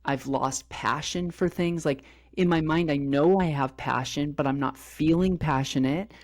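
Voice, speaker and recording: A woman's voice: sits low, unhurried, a little mellow. A middle-aged woman co-hosting a podcast, speaking openly and personally, and often acting out bits of dialogue as she tells her stories. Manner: open, personal storytelling with frequent reenacted dialogue. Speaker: podcast co-host. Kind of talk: candid podcast conversation.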